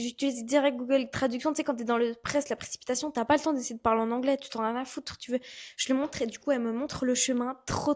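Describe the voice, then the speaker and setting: Young French woman telling a story. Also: high-pitched. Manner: animated storytelling, acting out quotes. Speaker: podcast co-host. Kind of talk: casual chat.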